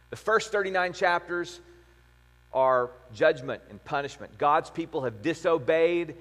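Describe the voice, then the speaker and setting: A man's voice: on the high side, a bit bright. A man with a slightly raised voice delivers a sermon, retelling a story with rhetorical questions. His voice rings out with a long hall reverb behind it. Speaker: pastor.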